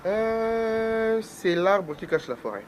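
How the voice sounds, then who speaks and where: Animated man on a political talk show. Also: sits high, slow, a little hiss or hum, rough recording. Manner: animated, mixes French and Lingala. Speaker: guest commentator.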